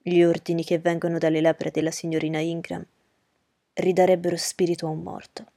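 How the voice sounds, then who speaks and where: Woman doing a low, dryly ironic gentleman. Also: flat delivery, creaky, dry recording, clean studio sound. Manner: low, slow, courteous irony. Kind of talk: audiobook character reading.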